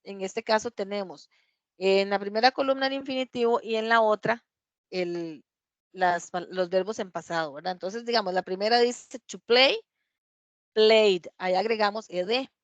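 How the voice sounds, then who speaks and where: Woman, English teacher, dry sound, slow careful examples. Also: medium pitch, dry recording, muffled recording. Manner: reads English examples aloud slowly, checks with "¿verdad?". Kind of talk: classroom grammar explanation. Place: classroom.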